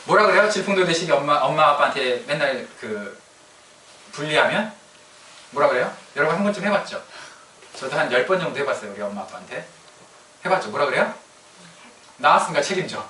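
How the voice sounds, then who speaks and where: A man's voice: a little high, animated, quick pace, long pauses, bright, forceful tone, a little hiss or hum. A man preaching a casual sermon, teasing the congregation and asking them questions. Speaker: pastor. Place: church sanctuary. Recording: echoey church hall from a distance.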